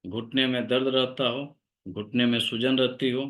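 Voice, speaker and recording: A man teaching an acupressure class, listing points and symptoms in a slow, steady instructive tone. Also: medium pitch. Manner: dictates point names slowly, steady instructive tone. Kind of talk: online class lecture.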